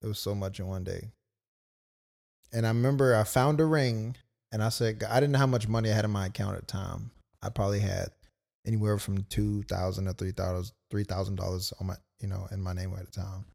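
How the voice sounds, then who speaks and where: A man's voice: on the low side, steady tone, a little fast, gravelly, a little mellow. A young man casually telling a personal story as a podcast co-host, loose and full of quoted asides. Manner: laid-back, storytelling with many "like"s and quoted asides.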